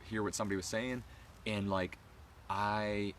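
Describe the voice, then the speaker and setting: A man co-hosting a vlog, chatting excitedly and rambling in a casual recap. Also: lowish voice, moderate pace, slight background noise. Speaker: vlog co-host. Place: outdoor campground.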